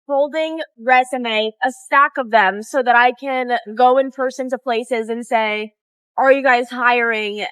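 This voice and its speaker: A woman's voice: fairly high pitch, fairly even intonation, a little slow, fairly bright tone, clean tone, no echo. A woman speaking to camera in a rueful, self-deprecating way. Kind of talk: casual vlog confession.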